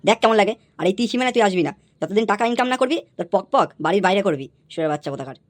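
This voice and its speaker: A woman's voice: medium pitch, lively intonation, racing, natural voice. A woman voicing a crude, hot-tempered middle-aged father in a comedy cartoon, swearing coarsely and bellowing threats. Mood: furious.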